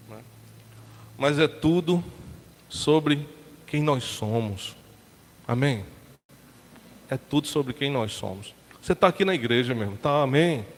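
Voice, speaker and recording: A man's voice: a little high, fairly bright tone. A man from Brazil, a pastor, preaching a sermon in a colloquial, chatty storytelling manner, acting out the people in his story. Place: church sanctuary. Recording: long church hall reverb, faint background hiss.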